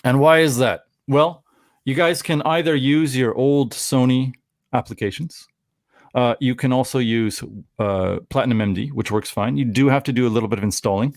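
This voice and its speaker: On a dry, studio-quality recording, a medium-pitched Canadian streamer in his 40s talks at a moderate pace. His live-stream chatter is loose and meandering, full of self-interruptions and jokes.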